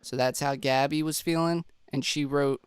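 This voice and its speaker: A man's voice: mid-range voice, fairly even intonation, moderate pace, clean tone, no room sound. Stuffy, chatty man narrating a presentation. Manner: chatty, addresses viewers as guys, restarts. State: stuffy, slightly out of breath. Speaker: true-crime video host. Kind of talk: casual presentation walkthrough.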